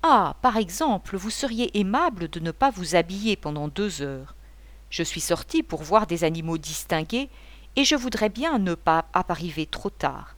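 A woman's voice: on the low side, lively intonation, normal speed, no room sound, lightly acted. A woman voicing a boisterous, talkative male painter who rambles and gives orders in a mocking tone. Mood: chattering, bossy.

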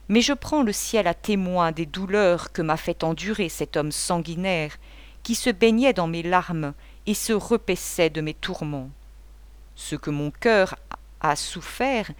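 A woman's voice: fairly low pitch, dry recording. A woman doing a melodramatic self-pitying old mother. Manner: theatrical, cooing and pleading. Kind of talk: audiobook character voice.

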